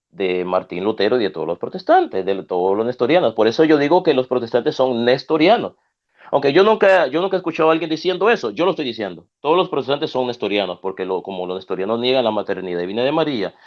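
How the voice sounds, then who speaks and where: A man's voice: a little high, lo-fi sound. A man arguing in a heated debate, emphatic and scornful, repeating his points.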